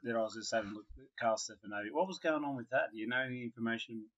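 A man's voice: mid-range voice, rapid-fire, a bit bright. A man co-hosting a casual podcast, laid-back and playing along with the jokes. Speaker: podcast co-host. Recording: dull lo-fi sound.

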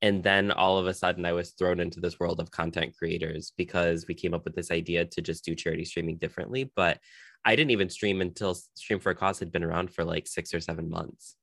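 A man's voice: sits low, flat delivery, fairly quick, vocal fry, a bit bright, no echo, clean studio sound. A young man talking casually as a guest in an interview, chatty and full of fillers. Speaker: podcast guest, nonprofit founder.

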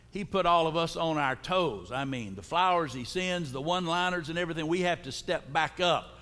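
A man's voice: on the high side, a bit bright. A man preaching a sermon as pastor, joking and calling out to his congregation. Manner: humorous, calls out to the congregation. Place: church sanctuary. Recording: long echoing church reverb.

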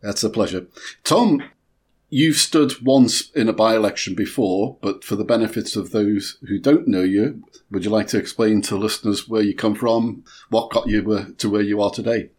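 Husky-voiced male podcast interviewer. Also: on the low side, normal speed, a little mellow.

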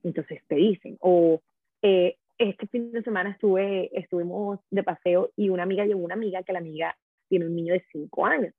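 A woman's voice: on the low side, a little fast, breathy edge, dry recording. Female podcast co-host, chatty storyteller, narrow lo-fi phone sound. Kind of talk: casual podcast chat.

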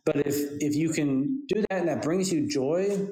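A man's voice: on the high side, normal speed, warm tone. A man speaking as a financial advisor guest, talking chattily and candidly with everyday examples. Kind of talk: casual interview answers. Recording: roomy echo.

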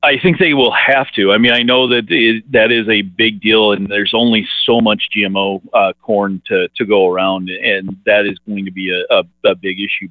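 A man speaking as a market analyst guest over a phone line, halting and full of "uh" fillers and restarts. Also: fairly low pitch, dry recording. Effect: heard over a phone line. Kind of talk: phone interview on farm markets. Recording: narrow dry phone line.

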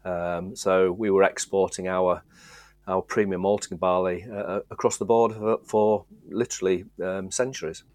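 A low-voiced man from Yorkshire, England, co-founder of a distillery, talks as a guest in a casual interview. He is easygoing and rambling, often restarting sentences, with a steady, darkish tone at normal speed in clean studio sound with no room sound.

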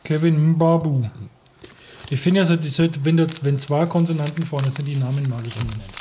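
Higher-voiced man, chatty and sidetracked. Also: brisk, mellow, a little hiss or hum. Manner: chatty, easily sidetracked, laughs often. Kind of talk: casual chat.

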